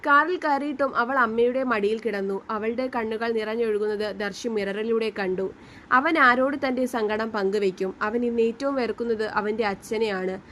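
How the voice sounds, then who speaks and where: A woman narrating a scripted story in a steady reading voice. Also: fairly high pitch, moderate pace, slight background noise.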